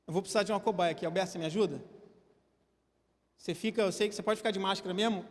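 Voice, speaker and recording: A man with a Brazilian Portuguese accent preaching a sermon to a church congregation, animated and drawing listeners into a staged demonstration. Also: high-pitched, very fast. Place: church hall. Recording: church hall with long reverb.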